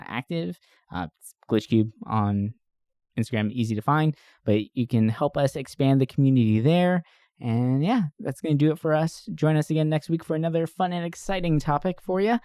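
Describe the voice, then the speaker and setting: Here the podcast host's mid-range voice sounds dark, captured cleanly in the studio without any echo. He keeps the entertainment chat about movies and games informal and slangy, peppered with "like," "you know," and occasional swearing.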